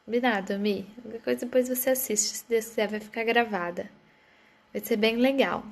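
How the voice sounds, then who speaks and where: A woman's voice: on the high side, moderate pace, vocal fry. A woman hosting a casual live stream, chatting and greeting viewers by name as they join. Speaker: live stream host, therapist.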